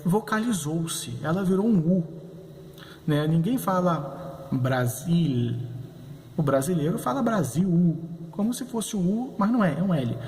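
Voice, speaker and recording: A Brazilian man teaching a recorded class, explaining slowly and often checking in with "né?". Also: high voice, expressive, a little mellow, echoey room, long reverb tail. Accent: Brazilian Portuguese. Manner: didactic, frequent "né?" checks, spells out sounds slowly. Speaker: Spanish teacher. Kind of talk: recorded online class lecture.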